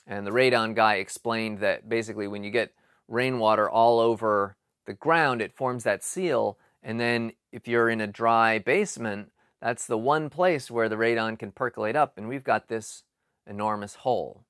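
A man in his forties explains a basement project in a relaxed vlog, thinking aloud with frequent ums and restarts, recorded in a cluttered basement. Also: on the low side, normal speed, smooth, no room sound, studio quality. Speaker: home improvement vlogger. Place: cluttered basement storage area.

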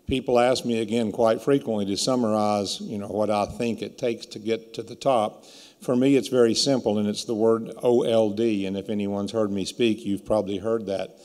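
Hoarse man speaking in an echoey hall. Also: lowish voice, steady tone, normal speed, a little mellow. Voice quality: hoarse, rough voice. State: hoarse from yelling all day. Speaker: keynote speaker, entrepreneur. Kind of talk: motivational keynote speech. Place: indoor brick-walled event venue, on stage. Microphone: stand microphone at lectern. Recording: echoey hall with long reverb.

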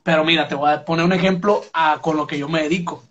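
A man's voice: on the high side, steady tone, fast talker, a bit bright, dull audio. A young Mexican man, a musician, telling his story in a casual interview, full of fillers and "pum" sound effects.

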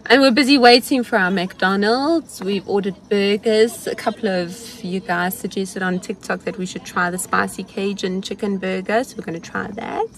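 A woman's voice: medium pitch, steady tone, normal speed, few pauses, a little hiss or hum. A woman in her forties with a South African accent, chatting playfully to the camera during a road-trip vlog from inside a car, filmed on a phone held at arm's length. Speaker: vlogger. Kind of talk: casual travel vlog. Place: inside a car at a petrol station.

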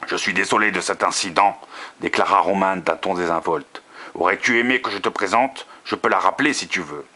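A man's voice: low-pitched, brisk, sharp tone. A man reading the lines of an offhand, gallant prince, barely changing his own voice.

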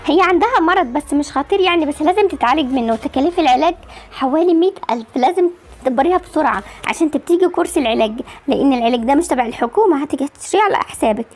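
A woman with an Egyptian Arabic accent voicing a calm, businesslike female doctor in a game story video. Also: high voice, very fast.

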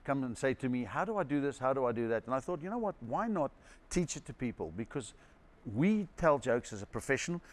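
A man's voice: medium pitch, brisk. A middle-aged man from South Africa, a comedian telling stories in a casual chat and acting out the people he quotes. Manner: animated storyteller acting out quoted voices. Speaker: comedian guest. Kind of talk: anecdotal storytelling chat.

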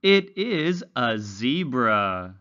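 This English teacher for young children speaks at medium pitch in a sing-song, very slow delivery. His tone is bright and forceful as he carefully enunciates a read-along lesson with exaggerated, instructional intonation. The sound is lo-fi.

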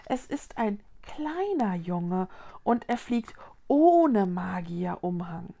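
A woman's voice: medium pitch, takes it slowly, vocal fry, heavily acted. A woman voicing an eager, gossiping birch tree woman spreading news. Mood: excited. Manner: excited and gossipy.

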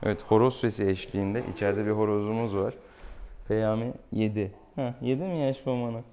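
A vet records a clinic video in a small exam room, bantering playfully with an animal patient he teases affectionately and chatting casually with viewers. His voice is lowish and mellow, steady in tone and a little fast. Clear room noise sits behind him.

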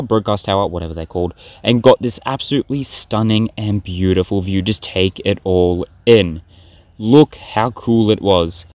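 A man's voice: lowish voice, a little mellow, dry recording. Chatty young man vlogging. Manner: chatty, rambling, easygoing. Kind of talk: casual vlog narration and walk commentary.

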